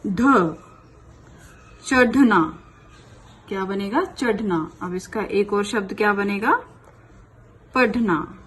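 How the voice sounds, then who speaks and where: Slow, patient woman teaching small children. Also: medium pitch, slightly rough. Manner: slow, patient, repeats words for young children. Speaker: primary school teacher. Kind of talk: online class lesson.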